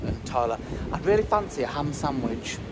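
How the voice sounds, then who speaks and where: A man's voice: a little high, lively intonation, moderate pace. A man in his forties from the UK, chatting to a handheld camera while walking through a city. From United Kingdom. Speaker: travel vlogger. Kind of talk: casual travel vlog. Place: outdoors on city streets. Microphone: handheld phone camera at arm's length. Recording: street noise behind. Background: street and traffic noise.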